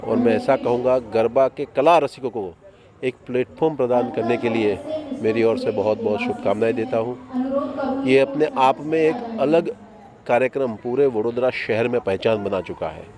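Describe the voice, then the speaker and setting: A man with an Indian accent and a medium-pitched voice gives a formal guest speech of congratulations. He repeats his phrases, and a crowd is clearly heard around him at an outdoor event. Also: big pitch swings, normal speed. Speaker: guest politician.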